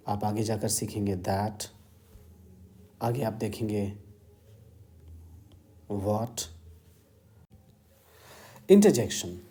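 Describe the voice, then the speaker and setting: A man with an Indian accent teaching English grammar, explaining word meanings slowly and moving between Hindi and English. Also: mid-range voice, warm tone. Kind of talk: grammar lesson lecture.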